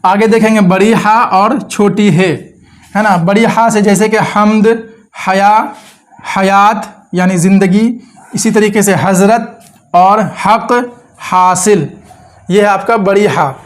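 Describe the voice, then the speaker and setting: A man's voice: sits high, fairly even intonation, slow pace. A man teaching an Urdu lesson step by step, patiently repeating words and asking the viewer questions.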